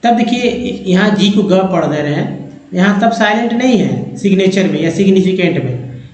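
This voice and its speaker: A man teaching English reading, going through a slide part by part, slowly repeating each sound and word and calling his viewers friends. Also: high-pitched, animated, a little mellow. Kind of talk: slide-based phonics lesson. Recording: echoey dull-sounding room recording.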